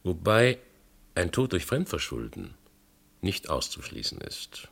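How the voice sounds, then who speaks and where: An insinuating mood colors this German radio play performance, in which a male actor plays a probing, politely ironic and sceptical investigator who questions formally and deliberately. His gravelly, husky voice is low-pitched, very animated, fairly bright in tone and exaggerated.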